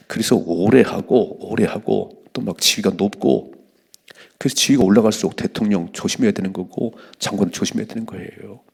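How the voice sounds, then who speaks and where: An older man in his sixties, a pastor giving an early morning sermon, animated and acting out voices, often dropping to a whisper. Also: lowish voice. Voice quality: gravelly, husky. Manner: animated preaching, acts out voices, drops to whispers.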